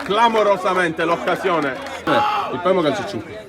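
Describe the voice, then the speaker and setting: A man giving breathless, excited play-by-play goal commentary on a futsal match, bursting into shouts. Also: sits high, a little fast. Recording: noisy sports venue with loud crowd. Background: crowd noise.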